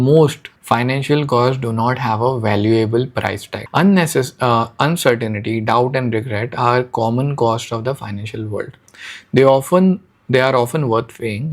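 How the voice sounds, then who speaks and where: Young guy chatting thru money lessons, mid-pitched voice, easygoing hinglish with lots of examples. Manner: conversational, mixing Hindi and English, uses everyday examples. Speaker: YouTube educator explaining a finance book. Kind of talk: casual explanatory talk to students.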